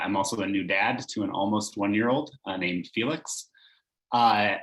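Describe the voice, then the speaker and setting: A man giving an earnest campaign pitch as a candidate on a video call. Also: fairly bright tone, echoey room, low-quality recording.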